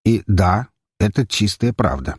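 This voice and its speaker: A man reading an audiobook, voicing a calm nobleman who explains matters plainly. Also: fairly low pitch, measured pace, husky, no echo, studio quality, exaggerated voice. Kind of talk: audiobook character voice.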